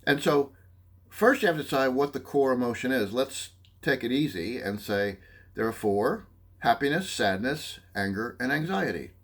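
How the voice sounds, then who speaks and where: Lively male psychology lecturer. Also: mid-range voice, moderate pace, slightly rough. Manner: checks in often with "okay?"; animated, acts out examples. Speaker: psychology instructor.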